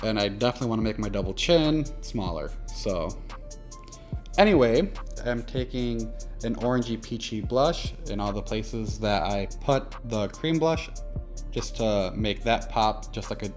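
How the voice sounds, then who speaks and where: Low-voiced man with a lisp. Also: normal speed, soft background music. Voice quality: lisp, slushy s sounds. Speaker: drag performer doing a makeup tutorial. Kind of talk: casual makeup tutorial voice-over.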